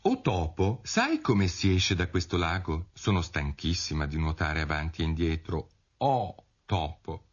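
A man's voice: low voice, very animated, unhurried, hardly any pauses, husky, heavily acted. A man voicing Alice, a chatty, well-meaning young girl who talks eagerly and soothingly, in a dull radio recording of a storybook reading. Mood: musing.

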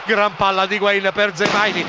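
A man calls a football match in a very high, excited voice. His delivery is wordy and dramatic, heard through a dull broadcast with clear background noise. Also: moderate pace, a crowd in the background. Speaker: football radio commentator. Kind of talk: excited live match commentary.

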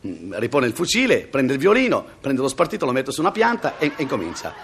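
A man's voice: mid-range voice, quick pace, creaky, slight background noise. A man telling jokes in a radio comedy monologue, laughing at his own punchlines and acting out the characters. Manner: lively, laughs at own jokes, acts out voices.

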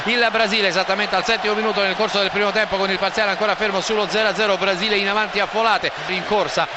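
A man with an Italian accent giving breathless, excited live football goal commentary, shouting and stretching his words. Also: high-pitched, very fast. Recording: loud crowd roar and stadium noise. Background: roaring football crowd.

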